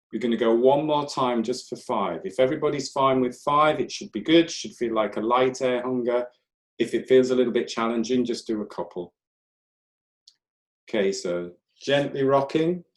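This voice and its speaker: A man leading a live online breathwork class, counting breaths and giving calm, gentle step-by-step cues. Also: mid-range voice. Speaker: breathwork instructor. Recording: roomy echo.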